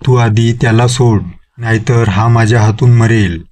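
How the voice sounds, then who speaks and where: A man's voice: mid-range voice, fairly even intonation, normal speed, darkish tone, close to an everyday voice. A man voicing a stern, commanding old male guru who casts out a witch-ghost in a storybook horror tale. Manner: commanding, lecturing.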